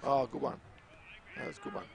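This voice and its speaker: A man's voice: mid-range voice, fairly quick, gravelly. A man with an Australian accent doing casual, joking commentary of a school football match outdoors. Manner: chatty, joking, lively banter. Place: outdoor sports ground. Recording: noisy outdoor livestream.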